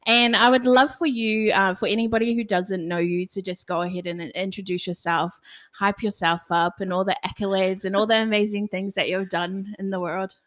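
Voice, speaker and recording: A woman hosting a casual podcast interview, chatty and excitable, often saying "oh my gosh". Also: medium pitch, moderate pace. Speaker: podcast host.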